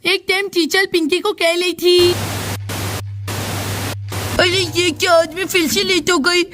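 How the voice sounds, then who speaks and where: A woman's voice: extremely high pitch, level tone, a little slow. A woman voicing a cheeky, lazy schoolgirl in a children's cartoon, whiny and chatty, talking to herself. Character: cheeky lazy schoolgirl dodging her exam. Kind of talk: cartoon voice acting.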